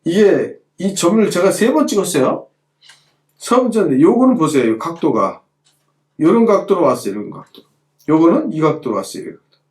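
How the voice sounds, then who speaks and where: A man's voice: fairly high pitch, big pitch swings, fairly quick, darkish tone, reverberant. A middle-aged man teaching a calligraphy class as he demonstrates, repeating points and asking the students rhetorical questions. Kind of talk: hands-on lesson while demonstrating.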